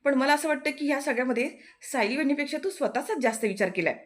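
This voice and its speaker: A woman's voice: high-pitched, animated, rapid-fire, voice pushed up. Woman voicing a wry young man. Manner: teasing.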